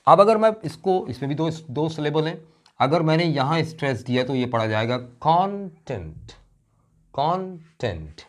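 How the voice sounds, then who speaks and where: A man teaching English grammar in a classroom lecture, explaining slowly and stretching out example words. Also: medium pitch. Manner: slow, deliberate explaining with drawn-out example words.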